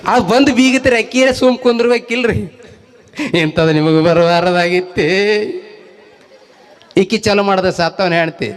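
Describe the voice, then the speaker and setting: Male folk comedian, North Karnataka Kannada accent, high voice, lively rhyming storyteller. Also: measured pace, pauses often. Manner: talks straight to a laughing audience. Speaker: stage comedian. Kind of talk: folk stand-up comedy with rhymes and anecdotes.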